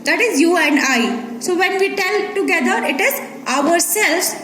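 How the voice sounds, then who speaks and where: A woman with an Indian English accent teaching a grammar lesson to schoolchildren, explaining step by step and often checking "Clear?". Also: extremely high pitch, expressive, unhurried, fairly bright tone. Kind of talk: recorded classroom grammar lesson. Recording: echoey room with faint ambient noise.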